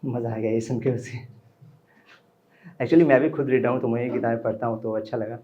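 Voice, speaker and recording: A young man with a medium-pitched, fairly even voice talks fairly quickly as he tells a personal story at a small indoor open mic, chatting with the audience between bits. It's a live storytelling performance, and the recording has its highs cut off.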